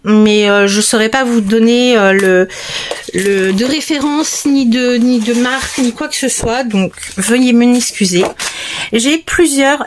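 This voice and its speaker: A woman giving a casual crafting tutorial, talking straight to her viewers in a chatty, relaxed way with many hesitations. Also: fairly high pitch, a little hiss or hum. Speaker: paper crafter showing her materials.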